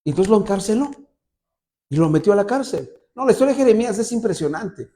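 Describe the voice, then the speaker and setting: Animated, mellow-voiced male preacher. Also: high-pitched, fast. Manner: lively storytelling, addresses the congregation directly. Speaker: pastor. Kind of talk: sermon with Bible reading. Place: church in front of a congregation.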